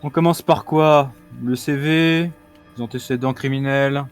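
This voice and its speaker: A man acts out a defiant arrested interrogator in a tabletop game. The voice is mid-pitched, sardonic and nonchalant, over background music. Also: steady tone, unhurried, smooth, natural voice. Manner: sarcastic, nonchalant. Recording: music behind the voice.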